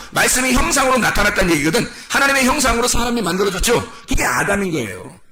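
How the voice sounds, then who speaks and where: Animated high-voiced male preacher. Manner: animated preaching, rhetorical questions to the congregation. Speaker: pastor. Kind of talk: sermon.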